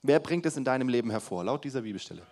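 A young man preaching a sermon to a congregation, his voice sitting in the middle of the male range. He swings between loud, punchy emphasis and quiet, close asides, often asking the room questions. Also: mid-range voice, expressive, racing. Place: church hall before a congregation.

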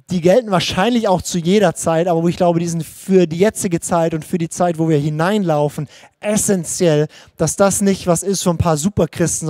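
Dark-toned man preaching on a livestream. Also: fairly high pitch, no room sound, clean studio sound. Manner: personal, searching, with many restarts and fillers. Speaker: pastor. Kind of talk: livestreamed sermon.

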